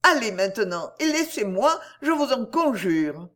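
A woman voicing a tearful, overwrought young woman in an audiobook, with high, tremulous, breathless pleas. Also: sing-song, measured pace, a bit bright, full character voice. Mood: distraught, tender.

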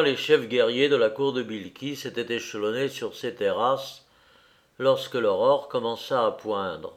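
A man narrating a storybook tale in a measured, deliberate reading. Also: medium pitch.

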